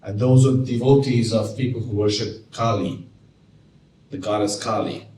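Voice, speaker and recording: A man's voice: lowish voice, moderate pace. Trinidadian man telling his story in an echoey hall. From Trinidad and Tobago. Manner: storytelling, animated when recalling wonder. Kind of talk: personal talk to teachers. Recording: echoey room from far off, faint noise.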